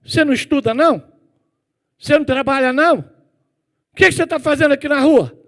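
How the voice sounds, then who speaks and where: A man's voice: extremely high pitch, fairly bright tone, pitched above the performer's own voice. A man doing a stern, insistent church deacon. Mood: stern questioning. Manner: insistent, rapid questioning. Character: stern older male church deacon questioning a boy.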